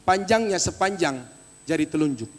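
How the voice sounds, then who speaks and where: A male pastor preaching an animated, exhorting sermon, speaking directly to the congregation in a church. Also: on the high side, normal speed. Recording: echoey church hall.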